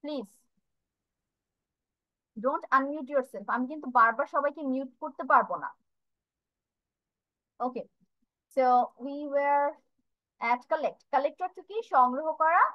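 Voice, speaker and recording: A woman's voice: high-pitched, slow pace, long pauses, no room sound, muffled recording. A woman teacher gives an online vocabulary lesson, drilling English word pairs and explaining them in over a video call. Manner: switches between English and Bengali explanations.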